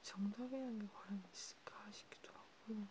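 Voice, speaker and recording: An ASMR performer whispers breathily and hesitantly close to the mic in a casual roleplay conversation. Her voice is medium in pitch and moderately paced, with steady hiss and noise in the background.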